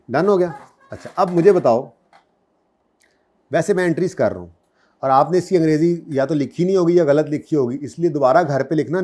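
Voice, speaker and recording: A man giving an accounting lecture, mixing casual explanation with slow, word-by-word dictation in English. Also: on the high side, mellow. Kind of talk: classroom lecture, dictating answers slowly.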